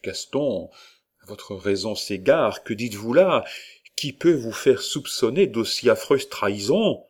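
A man reading the part of a gentle, devoted young woman, speaking softly and earnestly. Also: mid-range voice, animated, unhurried, breathy edge. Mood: pleading.

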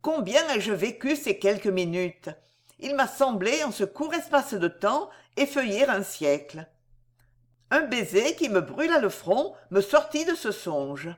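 A woman narrating a novel aloud in a measured, expressive reading. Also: fairly high pitch. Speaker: audiobook narrator.

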